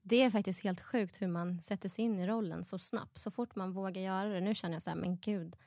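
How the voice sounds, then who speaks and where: A woman's voice: medium pitch, steady tone, a little mellow, no echo, studio quality. A young adult woman speaking as a guest in a casual chat, candid and reflective, often trailing off mid-thought.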